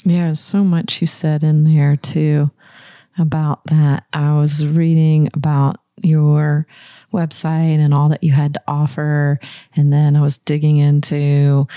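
A woman hosts a podcast in easy conversation, with a slightly low voice. She laughs often. The sound is dry and close. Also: completely flat delivery, takes it slowly, dark tone, no echo. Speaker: podcast host. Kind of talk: casual chat with live ad read. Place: house next door to a museum.

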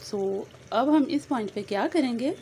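Set in a home kitchen, this cooking-channel clip features a woman whose mellow voice sits high and moves at a moderate pace. She explains each step of a recipe warmly, speaking right to her viewers with English words mixed in. The phone recording is noisy, with frying and sizzling in the background.

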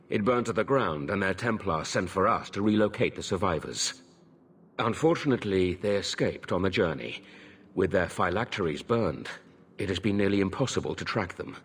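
An actor playing an earnest, stern, honorable knight in a video game, speaking formally and gravely. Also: male voice, sits low, expressive, moderate pace, heavily acted.

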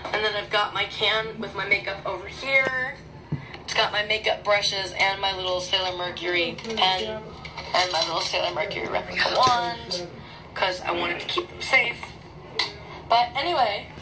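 A woman's voice: medium pitch, moderate pace. Chatty woman vlogging over noisy audio. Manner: chatty, excitable, rambling. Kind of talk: casual unboxing vlog. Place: small bedroom at home. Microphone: phone camera.

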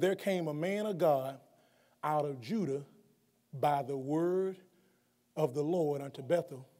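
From a lectern on the stage of a college chapel auditorium, a middle-aged guest preacher with a voice on the high side moves between quiet explanation and shouted emphasis. Speaking off the cuff, he often stumbles and restarts. A lectern mic and wide camera pick him up, with long hall reverb from the large chapel.

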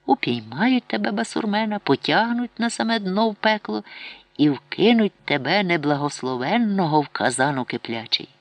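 A man's voice: high-pitched, lively intonation, normal speed, no room sound, highs cut off, pitched above the performer's own voice. A man voicing a pious, stern village mother who scolds her son and threatens him with hellfire. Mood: stern warning.

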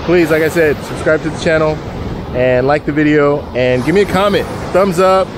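This travel vlog comes from a middle-aged man whose voice sits on the high side, speaking at a moderate pace with background noise. Filming himself outdoors on a beach with a phone at arm's length, he chats loosely and keeps restarting his sentences.

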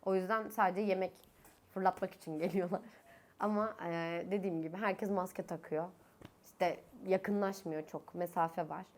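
A young woman in her twenties talks through a face mask from her bedroom in a casual, chatty way. Her throat is sore and she sounds worn out, with coughs breaking through. She laughs easily and rises in pitch when something irritates her. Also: steady tone, moderate pace. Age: 20s. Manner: chatty, laughs often, voice rising when annoyed. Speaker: vlogger. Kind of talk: casual chat to camera. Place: her own bedroom, indoors. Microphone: speaking through a face mask.

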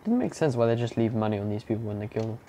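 A young man giving casual commentary while playing a game, muttering to himself and breaking into silly shouts and growls. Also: on the low side, big pitch swings, rapid-fire, slight background noise. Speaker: gamer playing through a game. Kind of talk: casual let's-play commentary.

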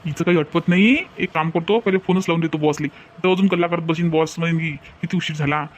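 A man voicing a hurried, flustered husband in a village cartoon. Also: on the high side, fairly even intonation. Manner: fast and flustered. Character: hurried husband late for office.

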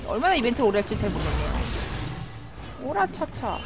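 A woman streamer chats excitedly through a game she is playing live, with a high voice that leaps up and down. She yelps and laughs as the action swings. Loud game music plays underneath. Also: unhurried. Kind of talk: live gameplay commentary.

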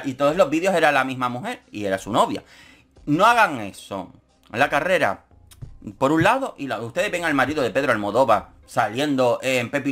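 A man's voice: medium pitch, a bit bright. A man giving camp, sarcastic commentary on a reality show as a YouTuber. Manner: camp, sarcastic, quick jokes. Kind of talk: casual comedic commentary.

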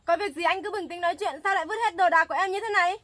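A woman's voice: high-pitched, quick pace, close to an everyday voice. A woman playing a desperate single mother who begs tearfully in a staged home drama. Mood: pleading. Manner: pleading, tearful begging. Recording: steady background noise.

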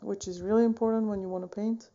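A Swiss painting vlogger in her thirties gives a casual tutorial chat indoors in her home studio, surrounded by wooden shelves. Her mid-range voice moves fast, rambling and relaxed with plenty of fillers and minor self-corrections, and the phone camera at desk distance yields a muffled recording.

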